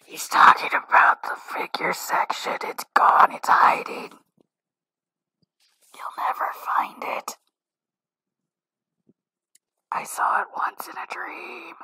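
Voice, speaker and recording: A woman doing a whispered role-play as an eerie storyteller in a slow, spooky hush. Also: no echo, poor audio.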